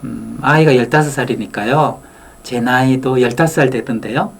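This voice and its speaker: A man in his fifties from Andong with a North Gyeongsang accent, giving a lively public lecture on anger and acting out the lines he quotes, with quiet whispered asides. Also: mid-range voice, normal speed, creaky, slightly rough. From Andong, South Korea. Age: 50s. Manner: animated storytelling, acts out quoted lines, drops into whispered asides.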